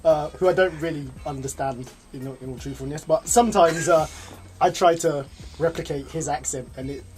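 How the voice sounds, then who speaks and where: A man's voice: a little high, brisk, darkish tone, soft background music. A man hosting a radio interview in a playful, rambling, joking manner. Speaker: radio host.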